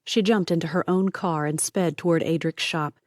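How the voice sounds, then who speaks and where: A woman's voice: fairly low pitch, steady tone, moderate pace, darkish tone, no room sound, studio quality. A woman narrating an audiobook, voicing each character and dropping to a whisper for tense lines.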